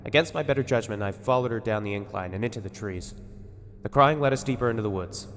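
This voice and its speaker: A man's voice: on the low side, fast talker, fairly bright tone. A man narrating a scripted first-person horror story in a tense, conversational way. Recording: long reverb with music behind.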